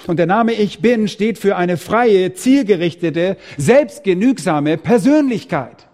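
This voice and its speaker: A man's voice: animated, unhurried. Preaching man in a reverberant hall. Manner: dramatic, swings from loud proclamation to hushed low tones. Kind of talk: sermon. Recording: long reverb of a large hall.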